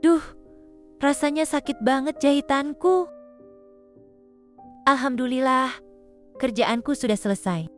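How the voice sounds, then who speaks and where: A tired young mother in an animated drama. Her voice sits fairly high and sounds weary and pleading, worn down by pain and hunger. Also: unhurried, pauses often, soft background music. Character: exhausted young mother after a caesarean. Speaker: new mother.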